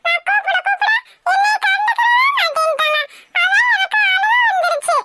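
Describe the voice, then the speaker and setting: A woman voicing a chattering little girl who tattles, in a cartoon with a whiny, squeaky manner. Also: normal speed, bright, forceful tone, faint music behind. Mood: tattling. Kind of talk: cartoon voice acting.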